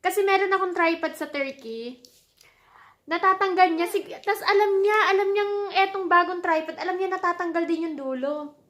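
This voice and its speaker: A woman's voice: very high voice, moderate pace, fairly bright tone, reverberant. A woman from the Philippines chatting casually in a home vlog, sometimes coaxing her child in a mommy tone. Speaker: vlogger and mother. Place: indoors at home, bedroom.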